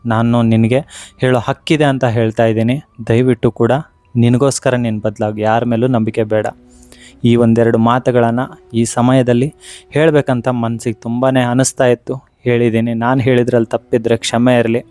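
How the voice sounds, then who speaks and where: A man gives an earnest devotional pep talk. He speaks straight to the listener in a middle-pitched voice and keeps repeating his key lines to drive them home. The sound is dry and close. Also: flat delivery, moderate pace, warm tone, no echo. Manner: earnest, repeats phrases for emphasis; speaks directly to the listener as "you". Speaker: motivational speaker.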